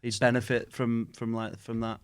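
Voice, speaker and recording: A man's voice: mid-range voice, completely flat delivery, moderate pace, smooth. A man who is a comedian guest on a football podcast, chatting in a loose, jokey way. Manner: loose, jokey delivery with fillers. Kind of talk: casual chat.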